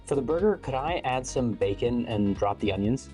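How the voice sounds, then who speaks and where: A man ordering food at a drive-through, making polite, unhurried requests in a demo video clip. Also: medium pitch, expressive, warm tone, soft background music. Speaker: presenter in a product demo.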